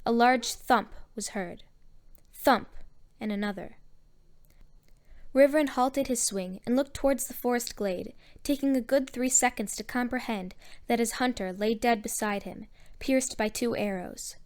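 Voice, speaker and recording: A woman narrating a story in a measured storytelling manner. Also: fairly high pitch, a little mellow. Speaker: audiobook narrator.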